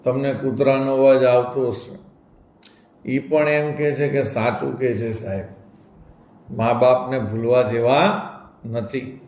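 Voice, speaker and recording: A man giving an emotional moral talk to an audience. He tells stories, acts out a mother's gentle replies and keeps addressing his listeners directly. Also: medium pitch, fairly even intonation, slow, pauses often. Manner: addresses listeners as "saheb" and urges them directly. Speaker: moral speaker. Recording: echoey room.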